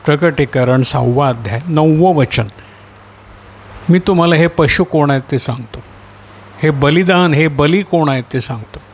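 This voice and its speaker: A male pastor preaching a sermon, questioning his listeners and echoing the reader's words, climbing high and fervent as he voices the martyrs' plea. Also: unhurried, slight background noise. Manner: rising to a high, impassioned pitch when voicing the martyrs' cry; asks the congregation questions and echoes the reader.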